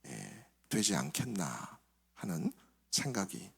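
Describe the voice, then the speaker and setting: A male pastor giving a sermon in a reflective, soft-spoken way, his phrases trailing off quieter. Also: low-pitched, huge pitch swings, slow pace, gravelly, husky. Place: church sanctuary. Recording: reverberant church hall.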